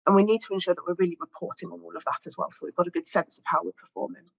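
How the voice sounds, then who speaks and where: A research director on an expert panel delivers a measured, prepared statement, her voice slightly croaky from a cold. She speaks in a fairly low pitch with fairly even intonation, often saying um and repeating words, and the audio quality is poor.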